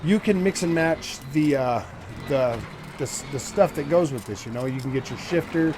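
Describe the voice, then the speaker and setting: A man's voice: on the high side, moderate pace. Rambling forties man over engine noise. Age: 40s. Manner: rambling, many fillers and restarts. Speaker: gaming channel host. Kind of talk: casual commentary while playing. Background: racing game engine sounds.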